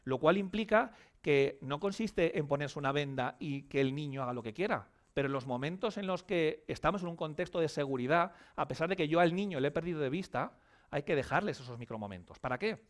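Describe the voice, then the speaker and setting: Man, higher-pitched voice, conference lecture, emphatic, rhetorical questions. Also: expressive, fairly quick. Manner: emphatic, asks and answers his own questions. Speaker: psychologist giving a conference talk. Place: conference hall.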